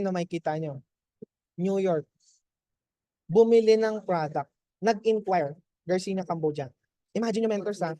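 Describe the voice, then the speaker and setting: A man's voice: high-pitched, warm tone, no room sound. A man speaking as a mentor to his team, giving a chatty Taglish motivational testimony and often checking in with his listeners. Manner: chatty, keeps checking in with "di ba?" and laughs.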